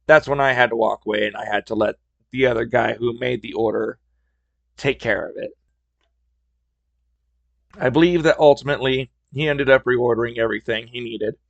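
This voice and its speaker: A man's voice: medium pitch, vocal fry, no echo. A man in his thirties hosting a podcast, telling retail work stories in a wry, conversational way, his voice a bit strained from talking a lot. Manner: wry, conversational, acts out customer dialogue. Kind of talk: casual storytelling monologue.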